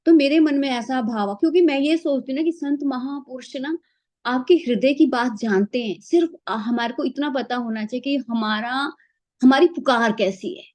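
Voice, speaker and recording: A woman sharing a heartfelt spiritual experience, acting out the dialogue as she goes. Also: on the high side. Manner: animated storytelling, acts out dialogue. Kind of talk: emotional personal testimony.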